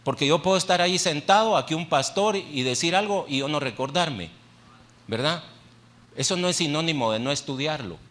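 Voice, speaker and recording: A man's voice: on the high side, animated, a little fast, fairly bright tone. A man preaching a sermon. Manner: conversational preaching, asks the congregation questions; repeats phrases for emphasis. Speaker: pastor. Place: church. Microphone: handheld microphone.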